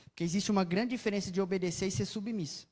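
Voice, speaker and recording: A woman with a Brazilian Portuguese accent preaching a sermon, telling stories expressively and often turning to the audience with questions, dropping to soft asides and rising to loud exclamations. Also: mid-range voice, fairly even intonation, fast. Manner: chatty, asks the audience questions.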